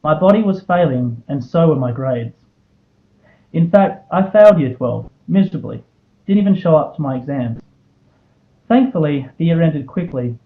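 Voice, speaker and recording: This clip features an Australian-accented man in his twenties, a student award winner, giving a live speech: prepared, earnest, motivational, with a personal story and rhetorical questions. His voice is a little high and animated at normal speed, heard through phone-quality sound.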